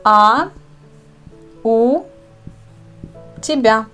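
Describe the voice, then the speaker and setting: A woman from Russia with a Russian accent, a language teacher explaining words slowly with hesitations and repeated examples. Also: on the high side, animated, a bit bright, faint music behind. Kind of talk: online language lesson.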